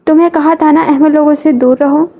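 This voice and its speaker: A proud, guarded young female student with curt replies, as a narrator reads her. The voice is high and mellow. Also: steady tone, fairly quick.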